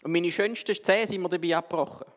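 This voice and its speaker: A man voicing a chubby little hamster with a slow, whiny voice. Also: high-pitched, big-room sound, close to an everyday voice.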